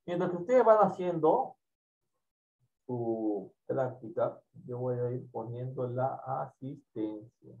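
A male schoolteacher with a Peruvian Spanish accent guides his pupils through an online quiz, repeating himself and drifting into murmurs as he checks things. His voice is mid-pitched and comes through dull, lo-fi call audio from a computer mic. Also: expressive, slow pace, creaky, warm tone. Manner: patient, repeats himself, trails off into mumbling. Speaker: primary school teacher. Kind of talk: online class, casual instructions. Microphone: computer mic on video call.

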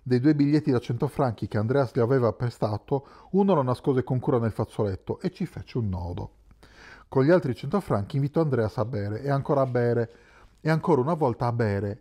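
A man narrating a literary novel as an audiobook in a calm, measured way. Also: medium pitch. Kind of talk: scripted narration.

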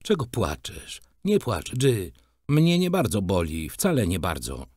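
A man voicing a gentle, devoted young circus strongman who speaks in a soft, hushed whisper, in a read-aloud story. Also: sits low, huge pitch swings, a little slow, no room sound, clean studio sound, heavily acted. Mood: tender.

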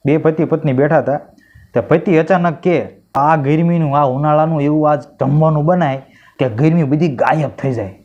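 A man telling a string of jokes, lively and mimicking the voices of the people in them. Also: fairly high pitch, moderate pace, a little hiss or hum. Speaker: stand-up comedian telling jokes. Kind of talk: joke-telling monologue. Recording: dull lo-fi sound.

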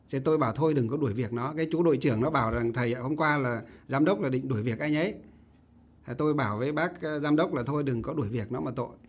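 A man, a Buddhist monk telling a story in a conversational, animated sermon. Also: mid-range voice, breathy edge. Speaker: Buddhist monk giving a dharma talk.

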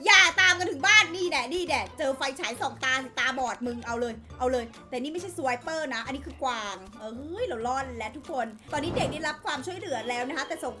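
A woman with a very high, bright-pitched voice hosts a game playthrough, talking fast and full of energy. She shouts and exclaims playfully, slipping into casual slang as she speaks straight to her young viewers. Faint music plays underneath. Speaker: gaming channel host. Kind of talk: excited game commentary.

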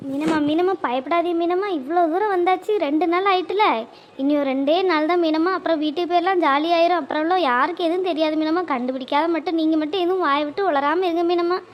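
A woman's voice: extremely high pitch, fast, muffled recording. A woman voicing a distraught young woman in a cartoon, speaking tearfully and pleadingly. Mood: coaxing. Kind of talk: cartoon voice acting.

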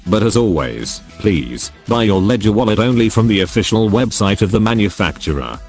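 A male text-to-speech robot voice reading a scripted explainer in a flat, even synthetic manner. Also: fairly low pitch, moderate pace, soft background music.

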